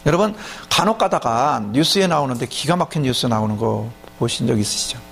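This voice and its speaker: A man's voice: medium pitch, expressive, brisk, creaky, fairly bright tone, a little hiss or hum. A man preaching a sermon as a pastor, often asking his congregation questions and then answering them himself.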